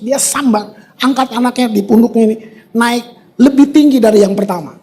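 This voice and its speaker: A man preaching a sermon in a church, animated and conversational, mixing casual slang with scripture and breaking into sudden loud bursts. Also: very high voice, a little fast. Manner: casual street slang mixed with scripture reading. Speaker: pastor.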